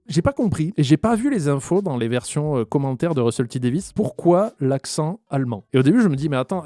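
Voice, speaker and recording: A man's voice: on the high side, dark tone, no echo. A man giving a casual, rambling spoken review of a TV episode, chatty and full of fillers and restarts. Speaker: TV series reviewer.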